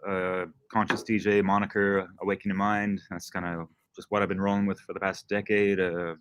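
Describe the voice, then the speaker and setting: A man's voice: deep voice, little pitch movement, a little fast, fairly bright tone, smooth, no echo. A man who is a guest DJ and podcaster, talking in a laid-back, slangy way and swearing freely. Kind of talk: casual livestream chat.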